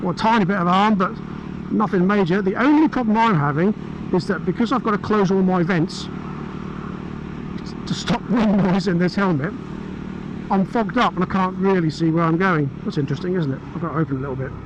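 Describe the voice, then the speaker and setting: Riding a motorbike on open roads, a British motorcycle reviewer with a fairly high voice talks quickly into a helmet-mounted mic. He keeps up a chatty, enthusiastic running commentary while engine rumble and wind noise sit clearly beneath his voice.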